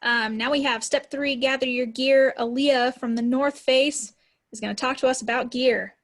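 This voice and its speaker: A woman hosting a webinar, cheerful and brisk as she asks questions and introduces speakers. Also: sits high, steady tone. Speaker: host. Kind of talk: webinar moderating.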